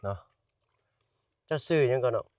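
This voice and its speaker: A man's voice: moderate pace, a little mellow, no echo. A man with a northeastern Thai Isan accent narrating a casual vlog outdoors in a village, chatting with the people he meets and addressing his viewers as brothers and sisters. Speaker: vlogger. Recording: dry sound, voice at a distance from the mic.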